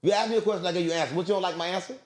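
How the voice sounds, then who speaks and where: His voice is high-pitched and racing, with a loud crowd audible. As an interview guest, he rambles conspiratorially in emphatic, profane street slang, circling back to repeat himself.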